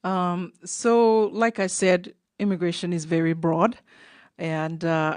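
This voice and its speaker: A woman with a Fijian accent hosting a community radio interview, measured and full of filler sounds. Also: fairly low pitch, no room sound. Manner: measured, many filler sounds, switches between two languages. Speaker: radio show host.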